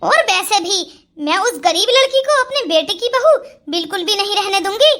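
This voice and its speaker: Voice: extremely high pitch, expressive, normal speed, pushed and bright, full character voice. A performer voicing a sly, bossy older mother-in-law in a Hindi cartoon story, scolding and plotting. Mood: scheming.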